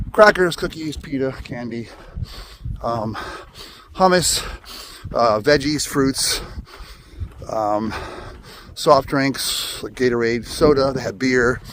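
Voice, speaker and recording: A man's voice: medium pitch, fairly bright tone, a little hiss or hum. Breathless hiker man talking on the trail. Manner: climbing uphill while talking. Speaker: thru-hiker vlogger. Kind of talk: casual vlog narration while hiking. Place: outdoors on a mountain trail.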